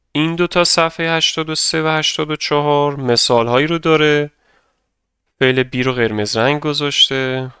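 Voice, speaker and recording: A young male teacher walks through a grammar lesson patiently, step by step. His voice is bright and smooth, and he says example sentences slowly for students to repeat. The recording is dry and close to the mic. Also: a little high, no room sound. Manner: patient, explains step by step, models English sentences slowly for repetition. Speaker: English teacher. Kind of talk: grammar lesson narration over slides.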